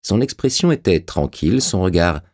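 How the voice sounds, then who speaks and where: A man reading a dark fantasy audiobook aloud in a measured, dramatic way. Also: low voice, very animated. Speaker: audiobook narrator. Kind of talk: scripted audiobook narration.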